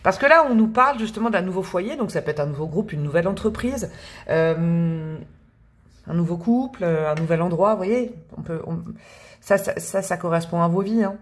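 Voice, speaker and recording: A woman's voice: on the low side, animated, moderate pace. A woman giving a casual, chatty tarot reading, often hesitating and repeating her words. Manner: chatty, hesitant, repeats words, laughs and hums song lines. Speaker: tarot reader.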